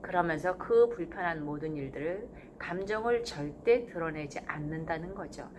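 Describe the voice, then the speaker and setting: A woman hosting her channel, talking in a calm, measured, reflective way with thoughtful pauses and gentle self-corrections. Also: sits low, slight background noise. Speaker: channel host. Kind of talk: reflective spoken essay.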